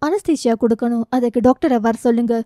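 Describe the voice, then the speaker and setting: A brisk, commanding surgeon in an audiobook romance, as a woman narrator puts her on, scolding and issuing quick orders. The voice is high and mellow, dry and close to the mic. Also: dry recording, natural voice. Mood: stern.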